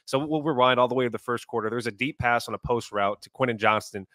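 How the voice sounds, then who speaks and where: A man co-hosting a sports podcast, recounting plays fast and with animated exasperation. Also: mid-range voice, no room sound, clean studio sound. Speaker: podcast co-host.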